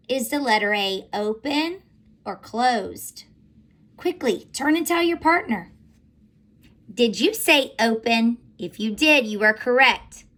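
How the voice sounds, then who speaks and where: Animated high-voiced teacher woman, slow. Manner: animated, sing-song teacher voice with playful emphasis. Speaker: elementary school teacher. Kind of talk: recorded phonics lesson for children.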